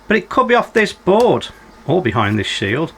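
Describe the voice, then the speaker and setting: An electronics repairer presents a repair video, giving unscripted running commentary as he works. He muses aloud and asks himself questions with dry, understated humour. His fairly high voice is very animated at a moderate pace, with a little hiss or hum in the recording.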